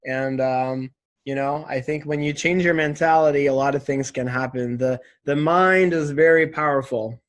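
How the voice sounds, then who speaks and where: A man's voice: fairly high pitch, steady tone, moderate pace. A man in his twenties, a guest in a casual interview, talking candidly and reflectively, with lots of "like" and "right?". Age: 20s.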